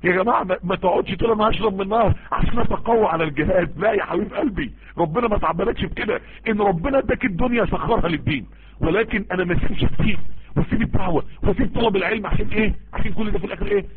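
A man preaching with an Egyptian accent, with a husky voice, pleading with his listeners and repeating his appeals over and over. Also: sits high, racing, slight background noise. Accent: Egyptian Arabic. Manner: pleading, repetitive, emotional. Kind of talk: impassioned online sermon. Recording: tinny phone-like voice-chat audio.

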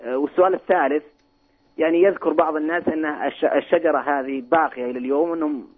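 A man's voice: a little high, fairly even intonation, rapid-fire. A man from Saudi Arabia calls in over the phone to a religious program, asking questions hesitantly and restarting his phrases as he searches for words. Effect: heard over the phone. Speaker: caller to a religious call-in program. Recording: tinny phone line, husky.

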